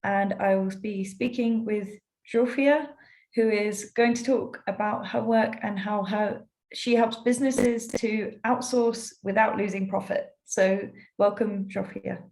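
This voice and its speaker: A woman's voice: medium pitch, fairly even intonation, measured pace, a little mellow. A woman hosting an interview, asking her guest questions in a friendly, encouraging way. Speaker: host.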